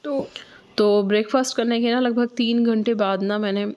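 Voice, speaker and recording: A woman's voice: on the high side, fairly even intonation, moderate pace, darkish tone, clear, resonant tone. A woman vlogger chatting casually and giving diet advice, her voice changed and stuffy from a cold. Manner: chatty, advice-giving, frequent tag questions. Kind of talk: casual diet vlog chat.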